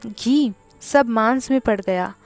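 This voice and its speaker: A woman voicing a proud young wife from a wealthy family in a storybook reading, answering with sharp, dignified retorts. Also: a little high, slow pace, faint music behind.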